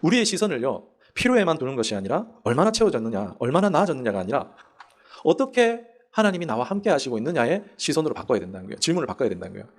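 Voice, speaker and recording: A man's voice: medium pitch, big pitch swings, rapid-fire. A male pastor preaching a Sunday sermon in a conversational way, asking the congregation questions and acting out the voices in his stories. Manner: acts out quoted prayers and voices in the stories. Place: church sanctuary.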